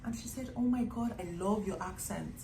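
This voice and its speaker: A young Nigerian woman with a medium-pitched, creaky voice talks at a normal speed to her vlog audience. She tells stories in a chatty, animated way and acts out little quotes along the way. The vlog was recorded to camera in an echoey room with faint background noise.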